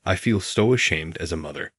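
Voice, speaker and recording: A man voicing a kind, humble older woman who speaks softly in a story. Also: sits low, animated, fairly quick, husky, no echo, studio quality, full character voice. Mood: gentle. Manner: soft, gentle speech.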